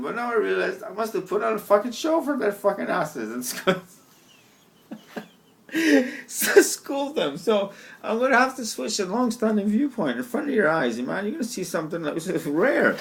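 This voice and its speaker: Standing at an outdoor bus stop, a young man with a hint of a Scottish accent vlogs into his camera mic, rambling and cursing in a stream-of-consciousness flow while often laughing at himself. His high voice is very animated, creaky and a bit bright, delivered at normal speed.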